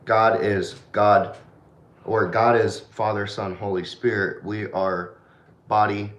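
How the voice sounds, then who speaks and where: A man with a lowish voice talks loosely about faith in a casual late-night chat, a little drunk and rambling. His voice rings in an echoey room. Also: level tone, takes it slowly, fairly bright tone. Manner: rambling, loses his train of thought, drunk. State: tipsy. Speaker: podcast co-host.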